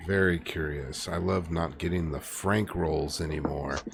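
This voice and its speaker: Male player, very low voice, hesitant, light hiss. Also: fairly even intonation, measured pace, creaky. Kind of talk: in-character tabletop role-play.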